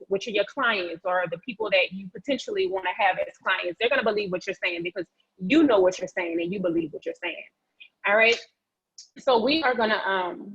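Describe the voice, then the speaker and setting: A woman's voice: medium pitch, fairly bright tone, slightly rough. A woman presenting a motivational training session over a video call, chatty and folksy, encouraging people to take part. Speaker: real estate agent leading a training session. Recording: dull, muffled video-call audio.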